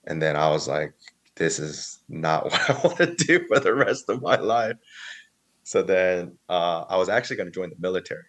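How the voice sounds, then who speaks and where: A man's voice: low voice, animated, moderate pace, a bit bright. A man in his early thirties, a podcast guest telling his story in a casual, rambling way, full of fillers and quoted dialogue. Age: 30s.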